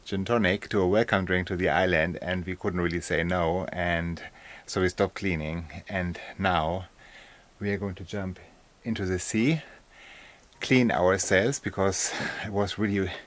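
A man's voice: low-pitched, a little slow. A man chatting casually to the camera as a travel vlogger, outdoors on a small island by the sea. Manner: relaxed, chatty, laughs often. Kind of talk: casual vlog narration.

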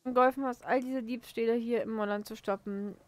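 A kind stable owner thanking a helper with a wry edge, read by a woman. Her fairly high voice is recorded dry and close. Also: steady tone, a little fast, a little mellow, dry recording, close to an everyday voice. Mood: grateful.

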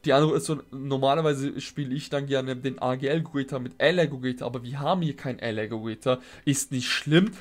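A man's voice: mid-range voice, a little fast, few pauses. A young adult man gives casual, conversational game commentary as a video host, thinking aloud and explaining in slangy everyday words. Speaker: gaming video host rating viewers' game teams. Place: small indoor room at home. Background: background music.

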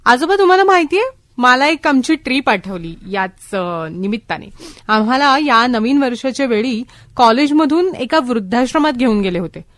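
A woman's voice: on the high side, moderate pace, no echo. A woman playing a chatty college girl. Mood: storytelling. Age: young adult. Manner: chatty, animated storytelling. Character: cheerful college girl telling a funny story. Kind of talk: radio drama acting.

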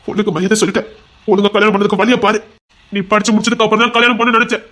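A man's voice: high-pitched, steady tone, racing, bright, forceful tone. A man with a Tirunelveli Tamil accent playing a young male heart doctor, a possessive lover who pleads and turns to threats. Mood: insistent. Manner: pleading, insistent, turning threatening. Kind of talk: audio drama acting.

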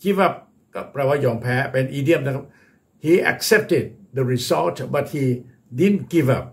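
A man with a Thai accent teaching English vocabulary, switching between Thai and English and repeating key words slowly for his learners. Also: a little high, vocal fry. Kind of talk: bilingual vocabulary lesson.

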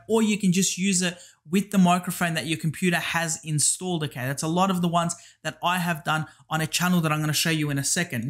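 A man hosting a screen-share software tutorial, giving step-by-step instructions and often saying "guys" and "over here". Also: sits high. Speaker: YouTube tutorial host.

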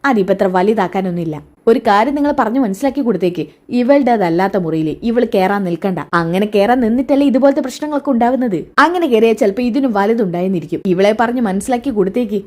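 A woman's voice: mid-range voice, fast talker, darkish tone, close to an everyday voice. A woman voicing a harsh young man who scolds and dismisses a little girl, speaking bluntly. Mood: scornful.

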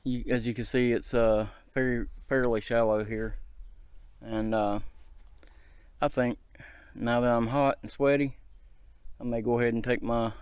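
A man's voice: mid-range voice, a little mellow, smooth, no room sound, dull audio. A man in his thirties chatting easygoingly to viewers as he hikes through a forest to a creek, filmed on an action camera. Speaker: outdoor vlogger. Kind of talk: casual hiking vlog narration to viewers. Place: outdoors in a forest by a shallow creek. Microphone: handheld or body-mounted action camera.

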